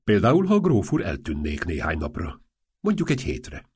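Man acting out a brisk, urgent painter, practical and quick-witted, husky, lively, audiobook. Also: low voice, exaggerated voice. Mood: persuasive.

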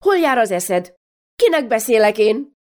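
A woman reading aloud, voicing an exasperated mother who scolds her daughters with rapid-fire nagging questions. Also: fairly high pitch, sing-song, pitched above the performer's own voice. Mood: scolding.

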